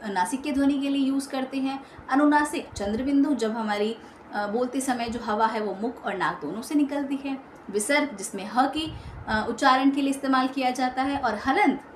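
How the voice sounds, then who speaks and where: High-voiced woman teaching in an echoey room. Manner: explains patiently, checks in with "ठीक है" often, mixes English words. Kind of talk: online grammar lesson. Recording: echoey room, faint background hum.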